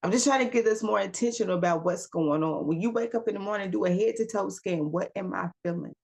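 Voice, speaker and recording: In a mid-range, slightly mellow voice with vocal fry, a woman coaches listeners through a casual self-help talk on wellness. She peppers them with rapid rhetorical questions and emphatic encouragement, calling them "y'all" and "baby."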